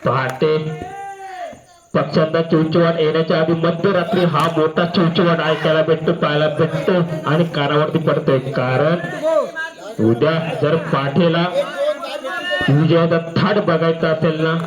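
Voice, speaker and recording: A man giving live cricket commentary at an outdoor ground at night, heard through an outdoor loudspeaker. He talks in rhymes and wordplay and keeps coming back to the same stock affirmation. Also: on the high side, fairly even intonation, unhurried. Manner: rhyming and wordplay-heavy, keeps repeating one stock affirmation. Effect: broadcast over an outdoor loudspeaker. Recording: echoey outdoor loudspeaker with a loud crowd.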